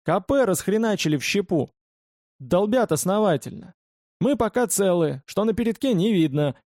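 A man voicing a gruff male tank driver who shouts a blunt report from inside the vehicle. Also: high voice, expressive, normal speed, no room sound, studio quality, voice pushed up. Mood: shouting report. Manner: loud, blunt soldier's report.

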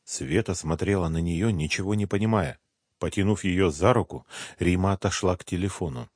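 A man narrating an audiobook in a calm, even storytelling manner. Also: low-pitched, moderate pace, slightly rough, no room sound, studio quality. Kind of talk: scripted narration.

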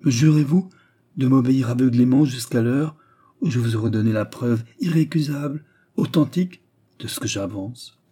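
A man voicing a grieving, lovesick young woman who speaks softly and sadly in an audiobook. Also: medium pitch, normal speed, husky, natural voice. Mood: intense. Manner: soft, sad, solemn declarations. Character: grieving lovesick Indian woman, calm and intense.

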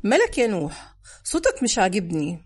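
A woman voicing a chatty adult man, a history buff and young father, with an Egyptian accent and an animated manner, in an audiobook. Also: mid-range voice, brisk, voice pushed down. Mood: lively. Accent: Egyptian Arabic. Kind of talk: audiobook character voice.

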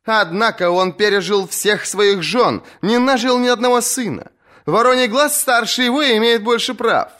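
A man's voice: sits high, moderate pace, a bit bright, pitched above the performer's own voice. A man voicing a fierce young female sea captain who taunts her rivals, in an audiobook reading. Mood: defiant mocking. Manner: mocking, taunting, commanding.

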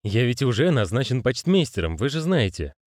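A male reader voicing a nervous, quick-tongued con man. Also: medium pitch, big pitch swings, no echo, studio quality, pitched above the performer's own voice, natural voice. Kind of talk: audiobook character voicing.

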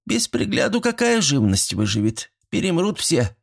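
A man's voice: medium pitch, huge pitch swings, normal speed, gravelly, pitched above the performer's own voice, full character voice. A man voicing a fussy, chatty old village woman who talks in a folksy way. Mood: fussing. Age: older.

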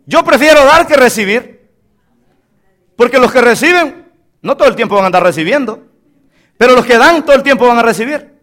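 High, animated male preacher. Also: fairly quick, long pauses. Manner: emphatic preaching with call-and-response. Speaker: pastor. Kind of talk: sermon. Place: church pulpit.

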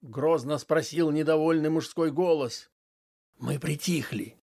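A man narrating a story in a measured, steady audiobook style. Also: on the high side, gravelly.

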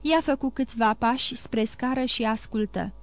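Brief: female audiobook narrator, higher pitch, measured and expressive. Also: soft background music. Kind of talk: scripted literary narration.

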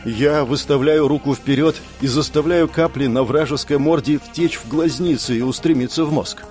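A man's voice: fairly high pitch, moderate pace, darkish tone, faint music behind. A man narrating a first-person fantasy story in a tense, dramatic reading style. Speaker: audiobook narrator.

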